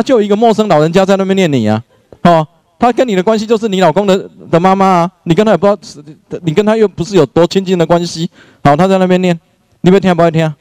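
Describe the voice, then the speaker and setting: Man, lively lecture, fairly high voice, dry close sound. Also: smooth, no room sound. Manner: animated, acts out scenes, laughs often. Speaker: lecturer, doctor. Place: lecture room.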